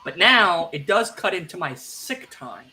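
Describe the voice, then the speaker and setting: Sing-song and high-pitched, a man with Italian family roots co-hosts a podcast, talking a little slowly in a bright, forceful tone. His casual chat wanders, full of fillers, restarts, and self-deprecating remarks, with faint background noise in the stream.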